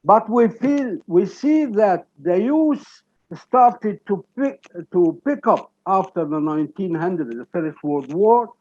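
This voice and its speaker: A man with an Egyptian Arabic accent giving an academic lecture, explaining deliberately and checking in with "okay?". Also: high voice, a little mellow, highs cut off.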